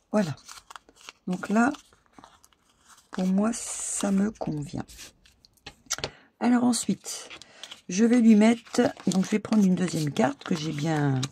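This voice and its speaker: Slow, gravelly-voiced woman crafting. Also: fairly low pitch, mellow, a little hiss or hum. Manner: chatty, talks while working, many fillers. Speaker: crafting video host. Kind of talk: casual crafting tutorial.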